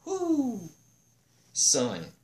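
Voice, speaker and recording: A man leading a casual Bible study, acting out the people in the story and throwing in slangy asides. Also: sits high. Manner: animated, acts out the people in the story in quick paraphrase, slangy asides.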